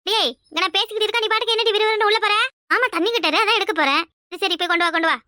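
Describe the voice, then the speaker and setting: A woman's voice: very high voice, rapid-fire, bright, forceful tone, no room sound. Woman voicing a nagging village housewife. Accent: Kanyakumari Tamil. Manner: scolding, complaining. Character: nagging older sister, harried housewife.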